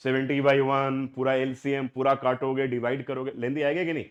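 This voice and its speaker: The audio is muffled, carrying a smooth, fairly quick mid-range male voice with little pitch movement. He is a middle-aged Indian math teacher in a live classroom lecture, quizzing students at every step and blending Hindi with English.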